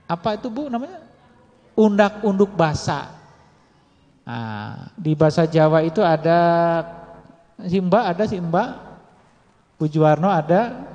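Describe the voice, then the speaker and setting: A high-pitched male religious teacher, speaking in a loose, chatty way and teasing the women in his audience. His voice rings out in a big hall with a long echo trailing behind each phrase. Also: big pitch swings, unhurried, pauses often, a little mellow, lo-fi sound. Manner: chatty, teasing, addresses women listeners directly. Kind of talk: casual Friday religious talk.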